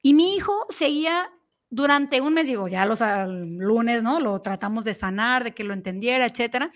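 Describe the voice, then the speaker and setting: A woman with a Mexican accent, co-hosting and telling a personal story in casual chat, animated and slangy. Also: fairly high pitch, moderate pace. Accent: Mexican Spanish. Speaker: co-host.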